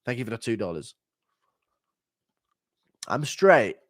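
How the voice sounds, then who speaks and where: A man's voice: medium pitch, very animated, slow, dry recording. A man from the United Kingdom, sick today, hosting a casual livestream, reading donations and joking in a profane, mocking way. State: sick, unwell.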